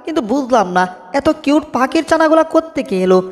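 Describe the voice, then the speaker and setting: A woman voicing a soft-hearted, bumbling male cartoon cat in a homemade dub, whiny and fretful. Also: high-pitched, lively intonation, quick pace. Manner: whiny, fretful, cries out in alarm. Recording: long reverb, echoey room.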